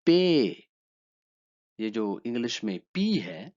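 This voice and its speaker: Male tutor with an Urdu accent, low voice, slow deliberate delivery, muffled lo-fi recording. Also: very animated, darkish tone. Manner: slow, repeats each letter twice. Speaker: language teacher. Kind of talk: slow spoken lesson. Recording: dull lo-fi sound.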